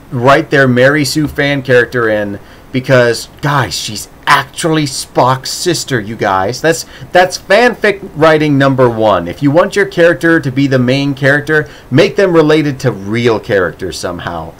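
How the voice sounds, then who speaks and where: A man's voice: mid-range voice, animated, unhurried, fairly bright tone. A man chatting casually as a streamer answering his chat, sarcastic and playful, with mock-dramatic outbursts and frequent laughing restarts.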